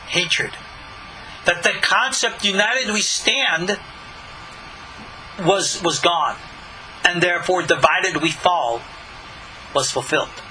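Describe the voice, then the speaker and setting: Here a rabbi delivers a recorded Bible study lesson in a high, pushed, bright male voice. He explains scripture earnestly, raising his voice on key words. The low-quality recording carries slight background noise.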